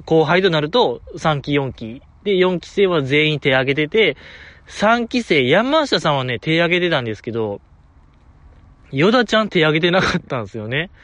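Chatty Kansai man, slightly high voice. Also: very animated, moderate pace, a bit bright, no echo. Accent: Kansai Japanese. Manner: chatty, enthusiastic fan banter with frequent chuckles. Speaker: podcast host. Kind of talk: solo fan talk show.

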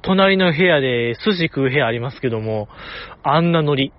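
A man with a Kansai Japanese accent hosts a casual solo radio show, chatting in a jokey way with teasing asides. His voice is medium-pitched and expressive, at a moderate pace, and the audio sounds dull.

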